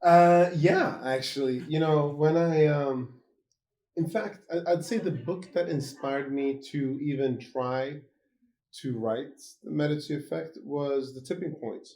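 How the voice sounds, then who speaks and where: A man's voice: on the high side, measured pace, dark tone. A man from Sweden, an author, talking animatedly as a phone interview guest with many fillers. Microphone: phone call.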